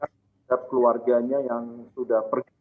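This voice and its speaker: A man, an architect and tourism consultant, answering slowly with many pauses over a video call whose sound keeps cutting out. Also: medium pitch, level tone, phone-quality sound. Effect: choppy, breaking-up video call audio. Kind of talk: online discussion answer.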